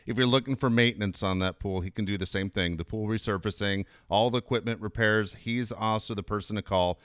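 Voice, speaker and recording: A man co-hosting talk radio, reading live ads and chiming in with quick agreement. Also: on the low side, fairly bright tone, smooth, no room sound, studio quality. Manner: quick agreeing interjections, upbeat ad delivery. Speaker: radio co-host.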